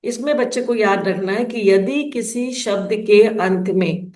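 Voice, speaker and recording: A woman's voice: medium pitch, a little slow, a little mellow, reverberant. A woman explaining phonics rules to teachers in an instructional lesson, sounding out letters one at a time.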